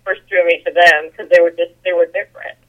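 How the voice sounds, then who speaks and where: This guest, the host's sister, talks quickly and in a level tone on a tinny phone call. Her voice is lowish, and she reminisces casually with her brother, sprinkling in "like" and "I mean."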